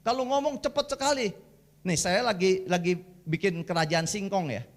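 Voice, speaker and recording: A man with a notably high voice delivers a sermon in a church. He talks in loose, slangy storytelling and mixes jokes with teaching about family life. The tone stays casual and animated throughout. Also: moderate pace. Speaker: guest preacher. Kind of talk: humorous sermon.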